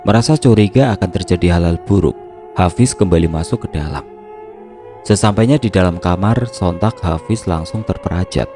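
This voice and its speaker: A man narrating a horror story in a steady, hushed storytelling manner. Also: sits low.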